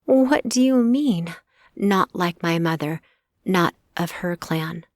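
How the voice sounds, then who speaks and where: A woman's voice: mid-range voice, lively intonation, slow pace, no room sound, studio quality. A woman voicing a shaken young vampire heroine in an audiobook, in a tense, disbelieving way.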